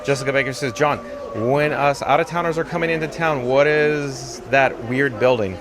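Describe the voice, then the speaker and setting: A man's voice: mid-range voice, steady tone, normal speed, noisy background. A man hosting a casual livestream from a theme park, reading out viewer comments and replying to them. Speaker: livestream host. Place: theme park queue, mostly outdoors. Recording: busy crowd around him. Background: chattering crowd.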